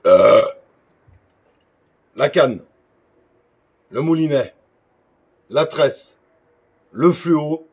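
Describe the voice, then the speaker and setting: A man's voice: fairly high pitch, extremely slow, long pauses, husky, highs cut off. A young man talking casually in a gear-advice vlog, chatty and joking with crude asides. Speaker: fishing vlogger.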